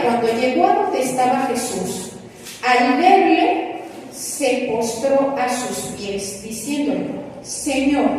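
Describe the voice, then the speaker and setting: High-voiced woman preaching in echoey hall. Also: darkish tone, slight background noise. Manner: measured, emphatic, asks the congregation questions. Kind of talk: sermon. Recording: echoey hall recorded from a distance.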